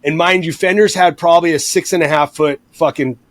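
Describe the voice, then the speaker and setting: A man's voice: fairly high pitch, brisk, dry recording. A man in his thirties, a former lead singer, telling rowdy, profane tour stories in a casual podcast chat. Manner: rowdy, profane, animated storyteller.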